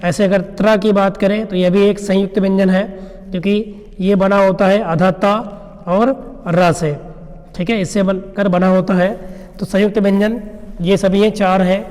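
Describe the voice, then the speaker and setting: A man's voice: high voice, level tone, normal speed, darkish tone. A male teacher giving an exam-prep lecture. He explains each point step by step, asks rhetorical questions and answers them, and often checks in with the class. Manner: checks in with "है ना" and "ठीक है ना". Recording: long room reverb.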